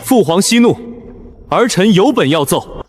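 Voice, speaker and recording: A man voicing a shrill scheming young prince. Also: lively intonation, unhurried, a little hiss or hum. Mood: earnest. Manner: shrill and accusing, rising to panicked pleading. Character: scheming young male eldest prince, frantic when caught. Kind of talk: animated drama dubbing.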